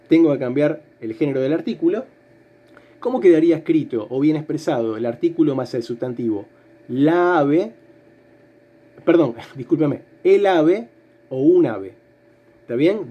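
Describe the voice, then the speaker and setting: A man's voice: fairly high pitch, highs cut off. A man, a language teacher giving a recorded remote lesson, explaining patiently step by step with fillers.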